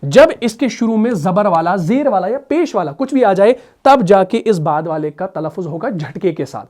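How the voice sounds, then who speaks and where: Male recitation teacher, lesson delivery, answers his own questions, drills sounds slowly. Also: high-pitched, expressive, darkish tone. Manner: asks rhetorical questions and answers them; drills sounds by slow repetition. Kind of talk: explanatory tajweed lesson.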